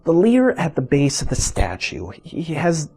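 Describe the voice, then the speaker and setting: Lively, chatty documentary commentator. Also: medium pitch, moderate pace, creaky, husky. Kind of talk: casual mock documentary interview.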